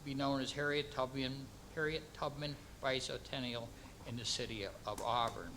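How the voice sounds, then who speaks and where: A man serving as mayor, reading a formal proclamation and then speaking off the cuff with halting, repeated words. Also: medium pitch, fairly even intonation, heavy background noise.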